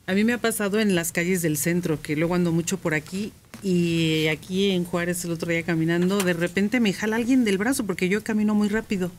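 A woman's voice: fairly low pitch, slight background noise. Chatty Mexican woman on radio. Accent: Mexican Spanish. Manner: brisk, chatty retelling. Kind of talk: casual radio chat.

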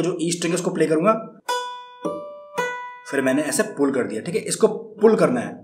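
A male guitar teacher with a slightly raised voice talks viewers through each step in a friendly, patient way. The room rings noticeably around him. Soft guitar sits underneath his words. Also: fairly high pitch. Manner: friendly, repeats "ठीक है" constantly, counts strums aloud. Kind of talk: casual guitar lesson. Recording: roomy, guitar playing along.

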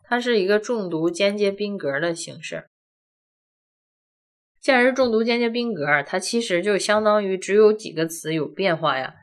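A woman whose first language is Chinese teaches a classroom-style grammar lesson, taking each point step by step and often asking rhetorical questions. Her mid-range voice is expressive and moderately paced.

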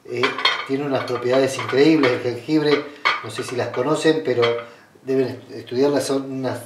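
A man with an Argentine accent guiding viewers step by step through a ritual in an unhurried, hesitant way, with many fillers and restarts. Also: medium pitch, steady tone, background noise. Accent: Argentine Spanish. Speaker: spiritual ritual guide. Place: small indoor room at a red-draped altar table. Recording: roomy, distant camera sound.

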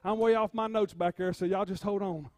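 A man preaching an impromptu sermon, swinging from hushed storytelling to rising shouts and repeating his words. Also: high-pitched, fairly even intonation, brisk, dry recording, clean studio sound. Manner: rhythmic preaching with "uh" before phrases.

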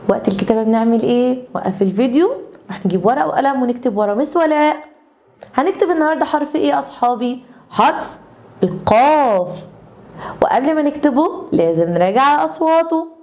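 A high-voiced young Egyptian woman leads a kindergarten phonics lesson. She stretches each letter sound in a sing-song lilt and showers the children with praise. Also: expressive, quick pace, a little mellow. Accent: Egyptian Arabic. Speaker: kindergarten Arabic teacher.

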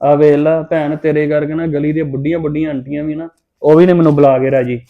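A brash Punjabi man fires off his lines quickly in a slightly raised voice, teasing and boastful. The recording sounds a little dull and lo-fi. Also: on the high side, flat delivery. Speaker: brother in a family drama. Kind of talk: Punjabi web-series acting.

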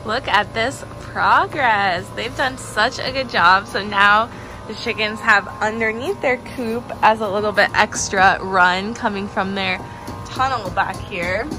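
Outdoors in her backyard, a vlogger narrates a home video in an upbeat, chatty way, holding her phone camera. Her mid-range voice is unhurried, the audio quality is poor, and background music runs throughout.

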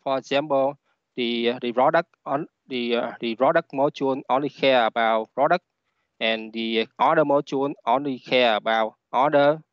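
A man with a Vietnamese accent, a native Vietnamese speaker, giving a halting technical presentation over a headset on an online call. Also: medium pitch, clear, resonant tone, no room sound. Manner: halting, with repeated words. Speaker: conference speaker, software engineer. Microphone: headset on a video call. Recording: dull, lo-fi online call audio.

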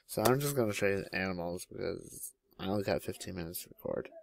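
A man's voice: low voice, fast, gravelly, a little hiss or hum. A young man at home casually commenting on a game mod, chatty and easily delighted as he names each animal that appears. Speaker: gaming YouTuber.

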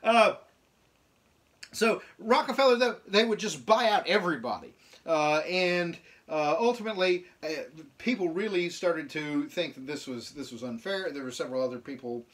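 A young adult man giving a casual economics lesson from his home, folksy and joking, with lots of fillers and restarts. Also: mid-range voice. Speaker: teacher.

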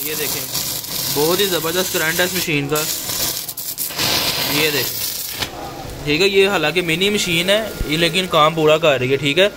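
A man's voice: fairly high pitch, moderate pace, long pauses, noisy background. A male shopkeeper giving a casual spoken product demo, often adding a filler of agreement, recorded indoors in a workshop. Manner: conversational, repeats "theek hai" as a filler. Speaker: shopkeeper reviewing machines. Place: workshop or tool shop, indoors.

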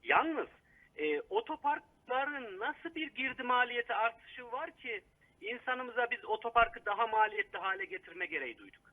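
Man over the phone, high-pitched, tinny line, critical, hesitant. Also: expressive, normal speed. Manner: critical, hesitant with frequent fillers. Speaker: city council member. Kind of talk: live phone interview commentary.

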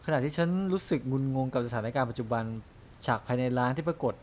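A man's voice: medium pitch, fast talker, slight background noise. Chatty man playing a game aloud. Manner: chatty, polite, reacts aloud. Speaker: gaming channel host. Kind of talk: let's-play with narration read aloud.

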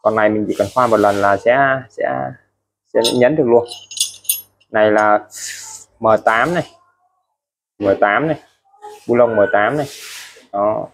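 Speaking at a measured pace in a voice on the low side with vocal fry, a man casually shows off used tools he's selling, pausing often. He's chatty and repetitive, restating prices again and again, and ends his phrases with friendly particles.

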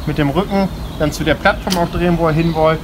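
A man's voice: fairly high pitch, fairly even intonation, fast. A man gives an informal, explanatory safety briefing as a climbing instructor. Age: 20s. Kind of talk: spoken safety briefing with demonstration. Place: outdoors in a forest ropes course. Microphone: camera mic a few steps away. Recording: clear outdoor noise, passing vehicles, clinking gear.

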